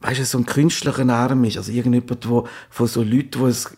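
Swiss German man, mid-pitched, exasperated podcast co-host. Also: fairly even intonation, fast talker, a little mellow, breathy edge. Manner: ranting, exasperated complaining. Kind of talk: casual chat.

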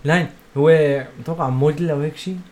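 A man's voice: fairly high pitch, fairly even intonation, quick pace, a little mellow. A man with a Syrian Arabic accent in casual podcast banter with his friends as a co-host.

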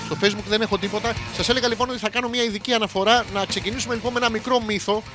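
A man's voice: high voice, steady tone. A male radio host, rambling through a crude comic monologue and reading out listener comments in a vulgar, mock-storytelling way, with sudden jumps in his voice. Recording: music playing behind the voice. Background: guitar music.

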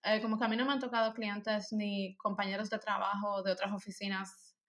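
A young woman, telling stories as an animated co-host in a casual chat. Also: medium pitch. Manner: animated storyteller, fast and chatty.

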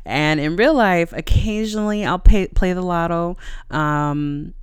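A podcast host chatting casually and conversationally alone, in a smooth, clear voice close to the microphone. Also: medium pitch, unhurried, no room sound. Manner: conversational, laughs easily while talking.

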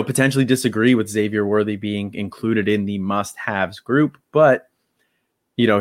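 A man with a lowish voice co-hosts a casual sports chat and talks in a halting way, full of fillers. The sound is dry and close to the mic. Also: no echo. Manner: hesitant, leans heavily on "you know" and "um". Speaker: podcast co-host.

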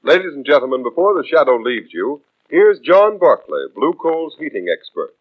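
A man's voice: fairly high pitch, sing-song, normal speed. An American man working as an old-time radio announcer, reading a script with formal, emphatic delivery on a vintage broadcast. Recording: tinny band-limited vintage radio broadcast.

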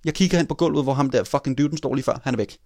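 A man's voice: mid-range voice, no echo. Guy telling a creepy story to his buddy, swears a lot, dry close sound. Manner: animated, swears casually, many fillers. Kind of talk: casual chat, storytelling.

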